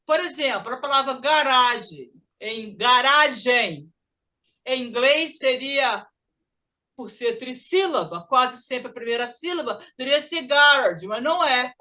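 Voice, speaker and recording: A Brazilian woman with a high, bright voice leads an English pronunciation class. She talks in a lively way and slows right down to model each word for students to repeat. Her accent is Brazilian Portuguese. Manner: lively, drills words slowly for students to repeat. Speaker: English teacher. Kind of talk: online English pronunciation lesson.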